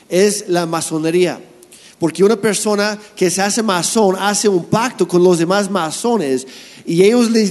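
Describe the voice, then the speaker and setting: A man's voice: sits high, darkish tone, in a large hall. A man preaching a sermon in an earnest, explanatory way.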